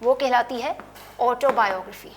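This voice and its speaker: A middle-aged woman gives a spoken English lesson in a slightly high voice. She patiently repeats each word and explains it, with a steady stream of "okay". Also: normal speed. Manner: patient, explains words by writing and repeating them, with frequent "okay". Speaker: English pronunciation teacher.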